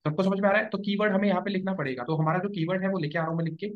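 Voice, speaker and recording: An SEO trainer teaches a live class, explaining things and checking often that students are following. His voice sits high and he speaks very fast. The classroom recording is dull and lo-fi.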